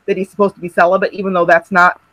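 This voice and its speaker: A woman's voice: on the low side, little pitch movement, racing, a bit bright, dry recording, poor audio. A woman chatting casually with friends about a TV show, chatty and self-deprecating. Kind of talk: casual fan chat.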